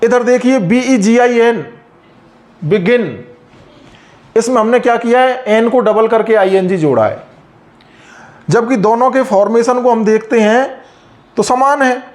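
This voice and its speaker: A man explains grammar rules like a teacher. He speaks patiently and drags out example words slowly so each sound comes through. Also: sits high. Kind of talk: explaining a lesson.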